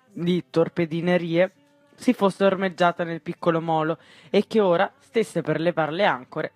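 A man's voice: fairly high pitch, dry recording. A man reading a literary short story aloud, stumbling and correcting himself mid-word. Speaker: reader.

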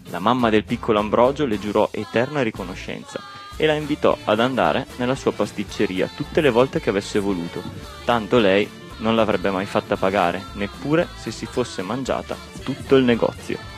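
A man narrating a children's storybook in a lively, expressive reading. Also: fairly low pitch, moderate pace, soft background music. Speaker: audiobook narrator.

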